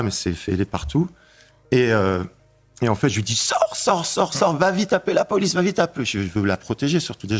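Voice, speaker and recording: A man giving an emotional testimony, telling his story in a halting way, repeating himself and raising his voice when he relives the moments. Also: lowish voice. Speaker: interviewee recounting a break-in.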